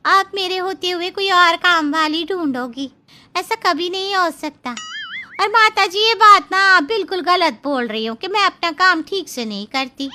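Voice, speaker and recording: A woman's voice: very high voice, normal speed, pushed and bright, a little hiss or hum, exaggerated voice. A woman voicing a talkative housemaid in a cartoon who protests and praises her own work. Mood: protesting. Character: chatty self-praising housemaid.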